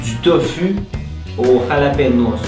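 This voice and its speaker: Man, game host reading a silly story, animated, echoey room, faint music. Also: mid-range voice, slow. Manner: laughs and shouts often while reading. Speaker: host reading a mad lib. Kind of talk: casual comedic game reading.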